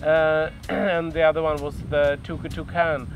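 A man, a birdwatching journalist, answering interview questions in a hesitant, halting way. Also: fairly high pitch, little pitch movement, highs cut off, soft background music.

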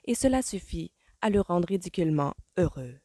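A woman reading a novel aloud as an audiobook, with measured storytelling. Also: fairly low pitch, expressive, dark tone, dry recording, studio quality. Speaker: audiobook reader. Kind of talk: novel narration.

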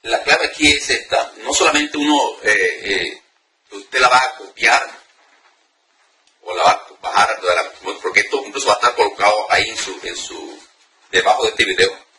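A man with a lowish voice and a very bright, cutting edge gives an earnest teaching on prayer, repeating himself and restarting often. He speaks right to the listener. The sound is roomy, picked up from a distance, with faint background noise. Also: normal speed. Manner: earnest, repetitive, many restarts and fillers; addresses the listener directly. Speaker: deliverance preacher. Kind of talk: informal spiritual teaching to camera.

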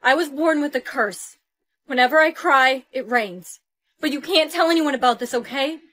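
A synthetic female voice with a high, bright pitch reads a comic storytime skit. Her delivery is chirpy and steady, with the smooth evenness of text-to-speech. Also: moderate pace.

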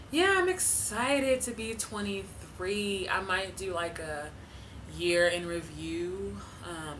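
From her living room, a woman in her twenties vlogs casually to camera in a fairly low voice, rambling with many fillers and laughs. The background is noisy.

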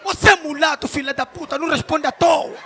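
A man with a remarkably high voice roasts his target in crude, mocking stand-up style. He shifts between shouted jabs and sing-song teasing. A faint audience can be heard behind him. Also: fairly quick, a faint crowd, a little hiss or hum. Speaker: comedian.

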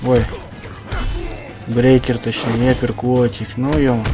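A man with a medium-pitched voice gives casual gameplay commentary. He speaks informally in short, slangy reactions, with game music clearly playing behind him. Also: little pitch movement, slow pace. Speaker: gamer.

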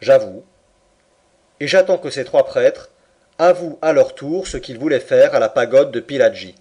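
A man voicing an unflappable English gentleman with calm, curt replies in an audiobook. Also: medium pitch, normal speed, breathy edge, close to an everyday voice. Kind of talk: audiobook character reading.

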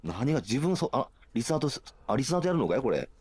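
A man's voice: medium pitch, sing-song, racing, darkish tone, husky, no room sound. A man calling in to a livestream, arguing insistently and repeating himself in regional dialect. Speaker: caller. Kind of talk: heated livestream argument.

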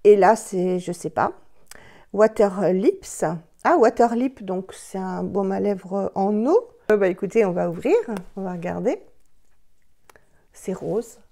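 A woman's voice: medium pitch, slow pace, dark tone. A woman beauty vlogger casually unboxing and trying products, chatty and enthusiastic, who talks to herself by name. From France.

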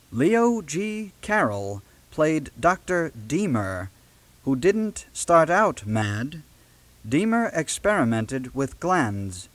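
This man reads a children's storybook for a late-1970s read-along cassette, pacing himself carefully and adding dramatic emphasis. His voice is on the high side, with no room sound.

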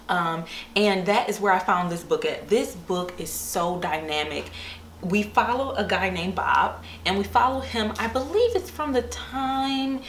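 A young adult woman with a lowish, slightly bright voice chats casually and enthusiastically to camera about things she likes, in the informal style of a book vlogger. She's in a small bare-walled room indoors, and the recording is echoey with faint background hiss.

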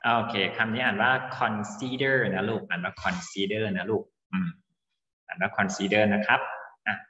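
A man's voice: lowish voice, fairly even intonation, normal speed, bright, forceful tone. A male teacher explains English word formation in a lesson, calls on students by name and mixes English terms into his explanations. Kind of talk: online class lesson. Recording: dull, echoey room with long reverb.

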